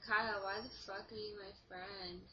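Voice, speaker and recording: A woman's voice: mid-range voice, fairly even intonation, normal speed, background noise. A woman with the hiccups chatting casually and bluntly, swearing now and then. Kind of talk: casual chat. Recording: muffled with music playing.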